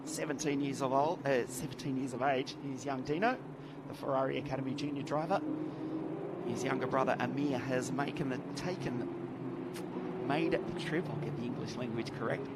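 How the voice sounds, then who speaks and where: A man's voice: medium pitch, moderate pace, very noisy. A man doing live motorsport commentary as lead commentator, enthusiastic and chatty, laughing easily.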